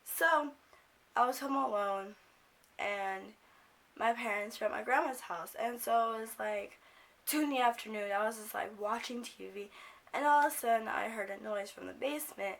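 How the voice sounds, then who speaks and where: A young American woman with a raspy, smoker-like voice from a cold, telling a story casually in a rambling, sweary way. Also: fairly high pitch, normal speed, a bit bright. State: sick with a cold, coughing. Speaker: video blogger.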